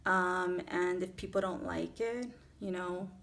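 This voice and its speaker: Chatty Miami-accented woman with creaky voice. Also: fairly low pitch, fairly even intonation, unhurried, fairly bright tone. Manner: chatty, informal, self-accepting. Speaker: beauty vlogger. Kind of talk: casual makeup tutorial chat. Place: small furnished room at home, indoors.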